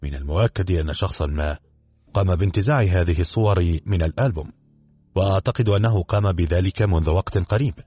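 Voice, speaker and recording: A man voicing a sharp, blunt police inspector who questions people closely, in a storybook reading. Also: sits low, quick pace, husky, no echo, faint music behind. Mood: stern.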